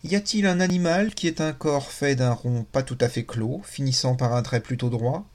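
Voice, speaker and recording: A man's voice: medium pitch, normal speed, darkish tone, close to an everyday voice. A man voicing a boastful, hungry male sphinx in a storybook fable, with a mocking, sly manner.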